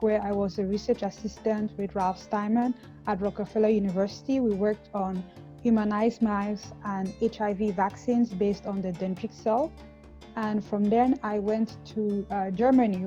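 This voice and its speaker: A woman's voice: medium pitch, warm tone. A woman from Cameroon, a scientific advisor, introducing herself fluently on an online panel. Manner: fluent, orderly résumé telling. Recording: dull, muffled sound.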